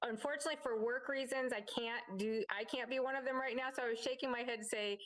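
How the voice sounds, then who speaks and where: A woman's voice: on the high side, steady tone, fast talker, a bit bright, poor audio. A woman serving as council liaison, explaining herself politely on a video call. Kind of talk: meeting talk.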